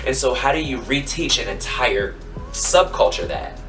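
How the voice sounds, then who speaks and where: Bright-voiced young man, frank and reflective. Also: mid-range voice, moderate pace. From Maryland, USA. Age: 20s. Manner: frank and reflective, animated when arguing. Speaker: interviewee. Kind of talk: candid interview answers. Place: room with yellow backdrop. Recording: echoey room, distant mic, faint music.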